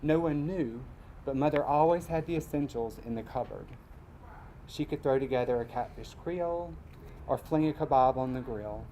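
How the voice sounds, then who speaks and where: A man from Mississippi, reading his personal essay aloud at a live event in a measured, wry way. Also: mid-range voice, dark tone, slight background noise, low-quality recording. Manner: measured storytelling, wry asides.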